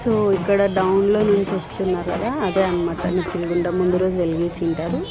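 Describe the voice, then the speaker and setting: A woman's voice: lowish voice, level tone, quick pace. Chatty woman vlogging over festival noise. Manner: chatty, mixes English words into her talk. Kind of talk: casual vlog narration. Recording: loud festival music and crowd behind. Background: festival crowd and loud music.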